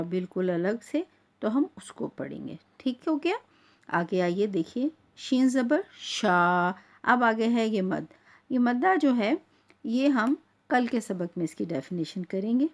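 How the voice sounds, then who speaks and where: Slow, patient woman Quran teacher. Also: mid-range voice, darkish tone. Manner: patient, repeats checks like "theek hai" and slows to spell out sounds. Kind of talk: step-by-step lesson.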